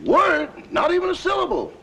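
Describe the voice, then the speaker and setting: Gravelly, high-voiced screwball comedy servant. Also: male voice, wildly swooping pitch, normal speed, a bit bright, full character voice. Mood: cheeky. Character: wisecracking, impudent male servant to a broke boss. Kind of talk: 1940s screwball comedy banter, film acting. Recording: faintly noisy 1940s film soundtrack.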